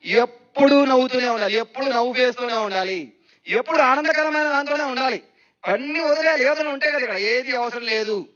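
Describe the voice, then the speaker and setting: A man giving a spiritual discourse on meditation, lively and questioning, who repeats phrases for emphasis. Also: very high voice, fairly quick. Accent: Telugu. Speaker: spiritual speaker. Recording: dull lo-fi sound.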